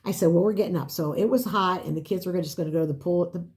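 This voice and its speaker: A woman's voice: lowish voice, racing. An older woman telling a story in casual chat, acting out what people said. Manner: animated storyteller, acts out quotes.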